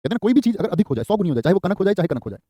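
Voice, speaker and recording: A male teacher runs a live online exam-prep class, quickly repeating key phrases for dictation and answering students by name. His voice sits high and sounds very animated and warm, on a dry recording.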